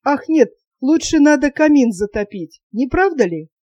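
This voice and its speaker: Чтица в роли болтливой самодовольной барыни. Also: female voice, high voice, sing-song, normal speed, mellow, no echo, pitched above the performer's own voice. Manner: chatty and coquettish. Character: talkative, self-satisfied wealthy lady.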